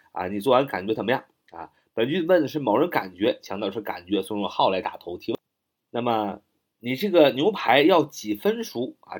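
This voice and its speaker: A man teaching English sentence patterns in Chinese, repeating each example slowly and spelling words out letter by letter. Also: medium pitch, breathy edge. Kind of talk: explaining English grammar in Chinese.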